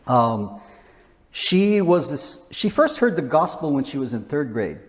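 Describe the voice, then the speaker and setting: In a casual interview, a missionary in his sixties rambles, restarting his sentences often and chuckling along the way. His fairly high voice swings widely in pitch at a measured pace, and a long reverb tail trails behind it.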